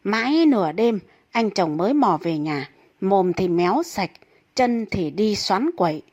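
A woman's voice: medium pitch, animated, measured pace, a little mellow. Woman steadily reading funny stories. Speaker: storyteller. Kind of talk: reading jokes aloud.

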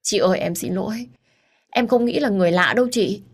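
A woman's voice: lowish voice, normal speed, darkish tone, husky. A woman voicing a flustered, apologetic young female schoolteacher in an audio story. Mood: tearful pleading. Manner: anxious, pleading, polite.

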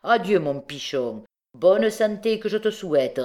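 A woman's voice: medium pitch, animated, a little slow, warm tone, voice pushed up, natural voice. A woman reading an audiobook, voicing a sly, mocking old male beggar turned bandit.

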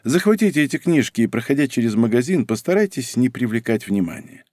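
Brief: stern, measured militia major, voiced by a man, firm and insistent, lively delivery. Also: mid-range voice, no room sound, clean studio sound. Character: calm stern male militia major, investigator. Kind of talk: audiobook character voice.

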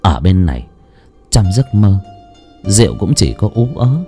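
A man's voice: sits low, sing-song, a little slow, mellow, soft background music. A man narrating an audiobook expressively. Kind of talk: storytelling narration.

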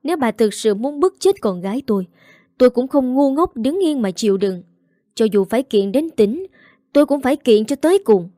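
A woman's voice: fairly high pitch, normal speed, mellow, dry recording, clean studio sound, close to an everyday voice. A woman voicing an angry middle-aged father who protests while holding back his temper, in a spoken story. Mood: indignant. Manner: forcing down anger, protesting.

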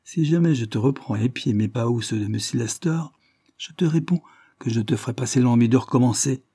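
A man reading an audiobook, voicing a stern gentleman who issues emphatic warnings. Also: mid-range voice, a little fast, slightly rough, dry recording, studio quality, close to an everyday voice. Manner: threatening, emphatic. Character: stern, forthright young gentleman.

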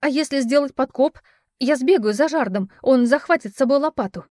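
A woman's voice: high-pitched, brisk, darkish tone, no echo, studio quality, pitched above the performer's own voice, close to an everyday voice. A woman reading a frightened young sorceress. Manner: anxious, breathless, pleading. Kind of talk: audiobook character voicing.

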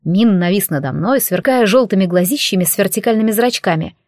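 A woman's voice: mid-range voice, fairly quick, darkish tone, no room sound, clean studio sound. A woman narrating a comic fantasy audiobook in first person, with a wry, ironic manner.

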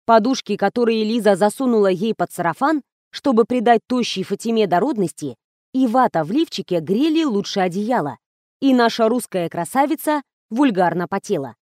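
A woman reading a first-person comic novel aloud in a lively, ironic storytelling manner. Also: mid-range voice, normal speed, no room sound, studio quality. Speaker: audiobook narrator.

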